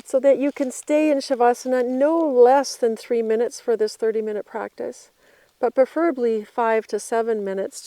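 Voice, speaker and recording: Higher-pitched woman guiding a yoga class. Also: dry recording. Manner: gentle cueing while demonstrating the poses herself. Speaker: yoga instructor. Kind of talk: guided yoga class instruction.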